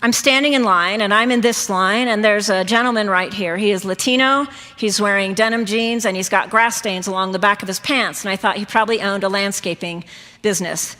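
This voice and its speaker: Bright-voiced woman preaching in church. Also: mid-range voice, brisk. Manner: personal storytelling, conversational. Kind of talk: sermon. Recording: long church reverb.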